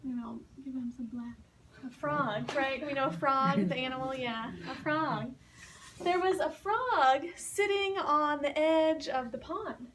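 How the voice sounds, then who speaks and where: Slow, patient woman explaining a story. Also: high voice. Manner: patient, repeats and explains words. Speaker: English teacher telling a story. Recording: distant mic with faint hiss.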